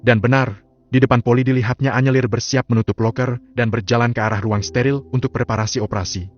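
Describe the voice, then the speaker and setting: A man's voice: medium pitch, fast. Man narrating a dramatic story. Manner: steady, solemn storytelling. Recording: slightly dull lo-fi audio. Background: faint music.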